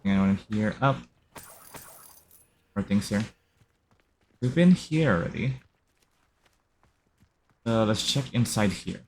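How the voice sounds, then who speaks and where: A man streaming a video game live, commenting casually in a relaxed, rambling way with many fillers. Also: fairly low pitch, slow pace, pauses often, a little hiss or hum.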